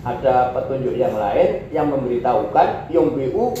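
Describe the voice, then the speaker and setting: A male teacher from Indonesia, giving a classroom lecture: he reads Arabic text aloud, then explains it in relaxed Indonesian with many repetitions. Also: mid-range voice, unhurried. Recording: echoey hall, distant and dull mic, faint noise.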